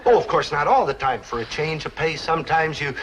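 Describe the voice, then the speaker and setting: A man's voice: on the high side, lively intonation, brisk, over a noisy crowd, heavy background noise, lightly acted. An actor playing a boastful, theatrical father who was once an army sergeant, in a 1960s sitcom. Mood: blustering. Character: blustering know-it-all ex-sergeant dad.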